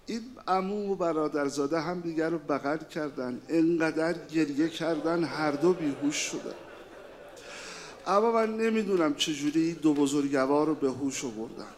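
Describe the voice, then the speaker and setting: A man telling a mourning story as a sermon, impassioned and lamenting throughout. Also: a little high. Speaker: mourning preacher.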